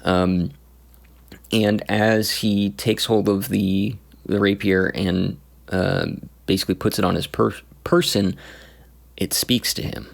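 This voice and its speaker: A man recounting his tabletop campaign as game master, in a casual, halting way with many pauses and restarts. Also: fairly low pitch, level tone, creaky. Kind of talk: casual story recap.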